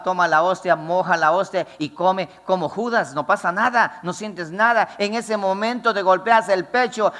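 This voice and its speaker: A man's voice: sits high, bright, forceful tone, in a large hall. A male pastor preaching a fervent, emphatic sermon to a congregation in a church.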